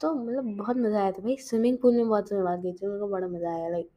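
A woman's voice: mid-range voice, fairly even intonation, quick pace, warm tone. A teenage girl chatting casually in a diary-style vlog, mixing in English and often correcting herself mid-sentence. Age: teens. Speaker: vlogger.

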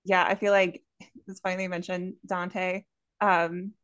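A woman co-hosting a podcast, chatty and quick to laugh. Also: fairly low pitch, level tone, a bit bright, clear, resonant tone, dry recording. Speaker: podcast co-host. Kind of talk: casual podcast chat.

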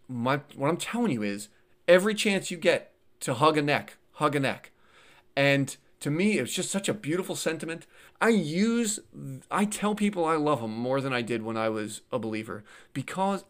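A man talking as a guest in a casual interview, telling stories earnestly, often repeating and restarting words and laughing lightly as he goes. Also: fairly high pitch. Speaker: podcast guest.

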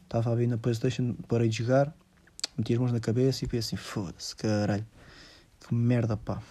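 A young man with a Lisbon Portuguese accent chats straight to his listeners. His voice is very dark and mellow. He rambles through the story in loose slang, tossing in English words as he goes. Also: medium pitch. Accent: European Portuguese, Lisbon. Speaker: vlogger telling a personal story. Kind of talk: casual storytelling monologue.

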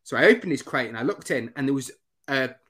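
A man's voice: medium pitch, lively intonation, fast talker, fairly bright tone. A man co-hosting a casual podcast, telling rambling stories with fillers and a bit of swearing. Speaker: podcast co-host. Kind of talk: casual chat.

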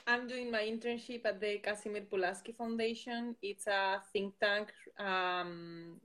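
A woman in her twenties from the Basque Country, speaking with a Basque accent as a non-native speaker, answering live interview questions in a hesitant way with pauses. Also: medium pitch. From Basque Country, Spain. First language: not English. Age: 20s. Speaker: guest, student and think-tank intern.

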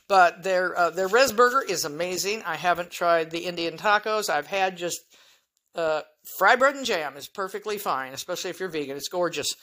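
Bright-voiced chatty woman podcaster. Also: lowish voice. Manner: rambling, frank, chatty asides. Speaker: podcast host. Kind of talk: casual monologue.

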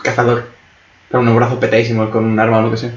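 Fast-talking teasing young man. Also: medium pitch, completely flat delivery. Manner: fast, teasing, asks questions. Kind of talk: casual chat. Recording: echoey room, dull lo-fi sound.

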